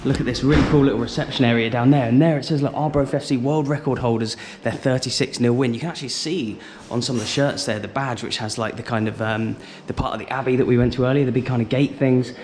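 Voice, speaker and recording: A man chats enthusiastically to camera in a casual football vlog, described as casual travel vlog chat. His mid-range, darkish voice moves fast with few pauses and fairly even intonation, while soft background music plays and wind or traffic noise fills the outdoor recording.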